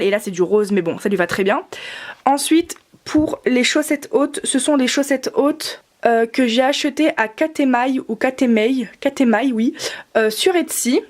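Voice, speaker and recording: A woman's voice: on the high side, a little mellow. A young woman casually presenting her doll outfits in a chatty, rambling way, with many fillers and self-corrections. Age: young adult. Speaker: doll collector vlogger. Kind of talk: casual show-and-tell narration.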